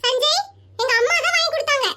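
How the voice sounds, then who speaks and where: A chirpy cartoon schoolgirl who chatters on with giggles in her voice, voiced by a performer. The voice is extremely high, quick and bright. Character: cheerful young girl, chatty. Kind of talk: animated comedy cartoon voicing.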